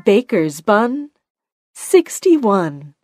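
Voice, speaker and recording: A woman working as a bingo caller, announcing each call deliberately in short, separate phrases. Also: mid-range voice, big pitch swings, a little mellow. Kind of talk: bingo calling with rhyming nicknames, announced number by number. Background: music.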